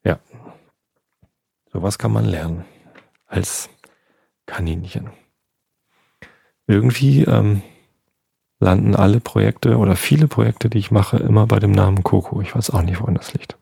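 A man with a low, dark voice reads a bedtime story in a calm, unhurried way, now and then stumbling and correcting himself. There is a gravelly, husky grain to his voice, and the sound is dry and close. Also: dry recording. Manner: calm reading with small slips. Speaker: podcast host.

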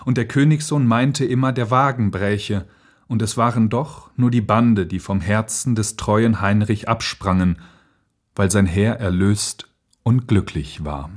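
Slow, expressive male storyteller. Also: on the low side. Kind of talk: reading fairy tales aloud. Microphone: home mic setup.

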